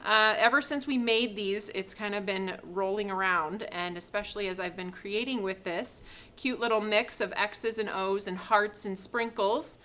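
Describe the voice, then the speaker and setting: A woman's voice: medium pitch, steady tone, moderate pace, pushed and bright. A woman hosting a live craft product reveal, chatty and upbeat, laughing often as she shows items. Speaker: craft shop host.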